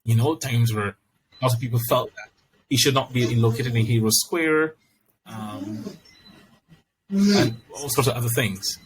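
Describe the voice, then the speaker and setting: A man with a Barbadian accent talking conversationally on a podcast, explaining and arguing his points in a measured way. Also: mid-range voice, noisy background. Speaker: podcast speaker. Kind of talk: conversational discussion.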